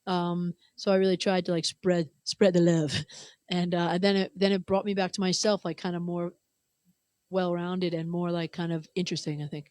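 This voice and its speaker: A woman with a lowish voice chats casually in a dry radio studio. She speaks loosely, leans on "you know" and "like", and sounds relaxed and unguarded. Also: moderate pace, no room sound. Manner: loose, filler-heavy, says "you know" and "man". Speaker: singer-songwriter guest. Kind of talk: casual interview chat. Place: radio booth.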